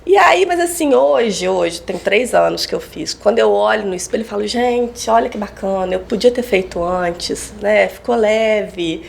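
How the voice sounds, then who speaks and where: A woman's voice: medium pitch, normal speed, gravelly, few pauses, slight background noise. A woman in her forties, a psychologist and lecturer, candidly telling a personal story in a casual podcast chat and acting out the dialogue.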